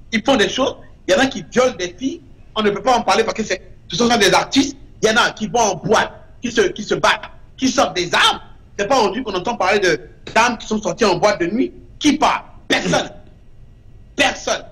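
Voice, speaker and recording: High-voiced emphatic man. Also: brisk, fairly bright tone. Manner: emphatic, repeats short verdicts. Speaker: guest, artist. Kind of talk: impassioned interview talk.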